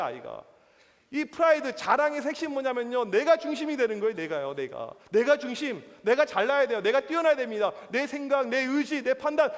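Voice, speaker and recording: A man preaching as a youth pastor, emphatic and animated, in a church hall. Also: extremely high pitch. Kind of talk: sermon.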